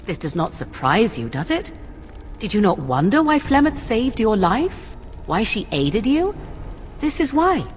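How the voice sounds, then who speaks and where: An actress voicing a cool, persuasive young witch in a fantasy game, speaking in formal, archaic, measured phrases. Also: mid-range voice, big pitch swings, faint music behind. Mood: solemn, persuasive. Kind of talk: dramatic fantasy game dialogue.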